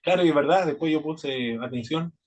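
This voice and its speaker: A man with a Chilean accent teaching a theology class at a Bible institute, lecturing in a halting way with frequent restarts. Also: on the high side. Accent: Chilean Spanish. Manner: halting, many restarts and repeated words.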